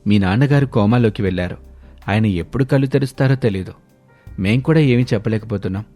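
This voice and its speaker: A man voicing a calm, matter-of-fact middle-aged doctor. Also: lowish voice, fast talker, faint music behind, close to an everyday voice. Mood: grave.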